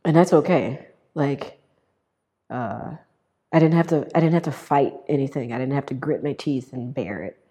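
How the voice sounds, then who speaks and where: Soft-spoken woman, halting testimonial. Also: very deep voice. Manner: halting, many fillers and restarts. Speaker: guest sharing her experience. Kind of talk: personal testimonial.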